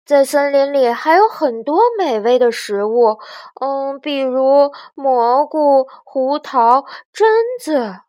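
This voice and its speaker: A woman voicing a curious young hen girl in a children's story, high and eager. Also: slow, a little mellow, no echo, lo-fi sound. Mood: earnest.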